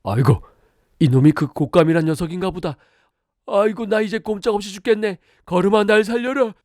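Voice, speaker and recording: A man voicing a big hungry tiger who is easily frightened and talks in a fast, worried rush. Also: high-pitched, darkish tone, no echo, clean studio sound, voice pushed up, lightly acted. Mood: panicked.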